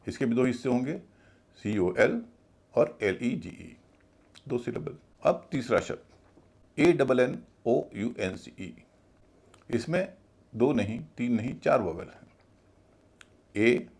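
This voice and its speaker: A man's voice: medium pitch, gravelly, a little mellow, slightly rough. A man teaching English pronunciation in a video class, explaining each rule step by step and spelling words out letter by letter.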